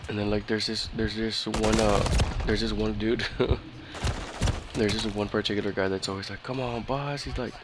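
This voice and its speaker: A man with a fairly low voice tells a long, rambling story over voice chat, his talk full of "like" and swearing. Clear gunfire and clicks from the game run behind him the whole time. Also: level tone, normal speed, noisy background. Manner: rambling, profane, full of fillers and restarts. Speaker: gamer chatting with a friend. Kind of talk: casual chat while playing a shooter game.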